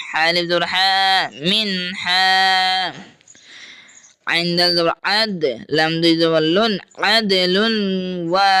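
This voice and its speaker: A man with a Bangladeshi Bengali accent teaching Quran recitation, spelling out letters and vowels, then drawing the syllables out slowly between quick explanations. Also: high voice, sharp tone, clean tone, no room sound.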